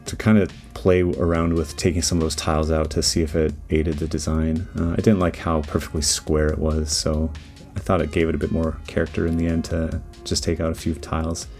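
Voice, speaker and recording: A man with a very low voice talks through his 3D modeling process in loose, rambling commentary, stopping often to restart his thoughts. Faint music plays quietly behind him. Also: brisk, few pauses. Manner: relaxed, rambling, with many fillers and restarts. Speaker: 3D artist giving commentary. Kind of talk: casual voice-over commentary on a modeling timelapse. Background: faint background music.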